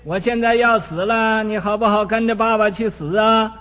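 A man voicing a lonely, dying old father who pleads with his sons in a coaxing, drawn-out way, heard on a dull lo-fi recording in a reverberant hall. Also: sits high, steady tone, lightly acted. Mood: pleading.

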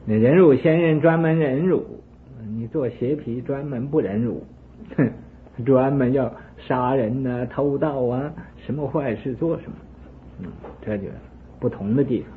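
A man preaching a sermon by telling a story, with an animated delivery that swings between loud and soft. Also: mid-range voice, a little slow, a little hiss or hum. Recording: narrow phone-like band.

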